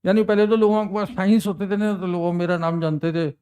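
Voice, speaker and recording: A man's voice: high-pitched, fairly even intonation, fast talker, darkish tone, smooth. An older man, teaching a chemistry class in a chatty way, quizzing students and reminiscing between questions. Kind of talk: classroom lecture.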